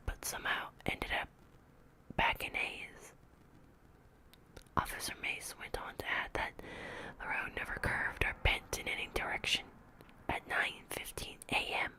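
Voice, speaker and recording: Hushed, whispering woman reading creepy horror. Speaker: ASMR reader.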